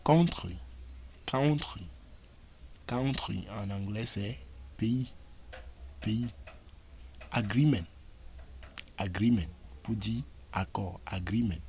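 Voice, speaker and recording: A man with a Cameroonian French accent teaching English, repeating each word several times in a slow drilling cadence. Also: on the low side, slight background noise. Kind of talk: French-language vocabulary and grammar lesson.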